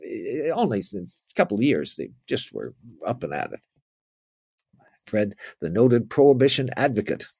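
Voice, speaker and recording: Gravelly low-voiced man lecturing on history. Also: a little mellow, no echo. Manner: rambling, with many restarts and asides. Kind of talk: informal spoken lecture.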